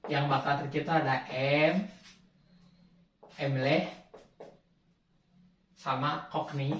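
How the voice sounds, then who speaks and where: A young man hosting a casual lesson, explaining things in a relaxed way and often stopping to repeat or restart a word. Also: fairly high pitch, slow, far from the mic. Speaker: host teaching English accents. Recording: roomy, from off-mic, faint background hiss.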